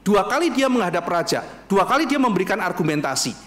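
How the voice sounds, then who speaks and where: A man preaching a sermon as pastor, animated and acting out bits of dialogue as he addresses the congregation. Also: sits high, quick pace. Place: church.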